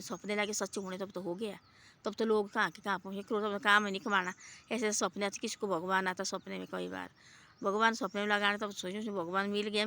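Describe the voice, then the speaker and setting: Gravelly woman telling a folksy moral tale. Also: medium pitch, a bit bright. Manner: rambling and repetitive, folksy asides. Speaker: storyteller. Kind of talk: casual spoken moral story.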